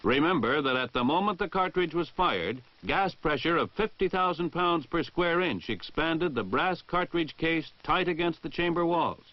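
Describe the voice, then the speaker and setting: A fairly high-pitched, expressive American man reads instructional narration in the formal, precise style of a 1960 military training film, with measured enunciation. The sound is that of a dull 1960 film soundtrack.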